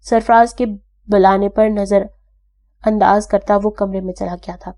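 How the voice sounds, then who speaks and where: Mellow-voiced woman reading a novel aloud. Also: medium pitch, steady tone. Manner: dramatic storytelling, shifting tone for dialogue. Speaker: audiobook narrator. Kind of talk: reading a novel aloud, voicing all characters.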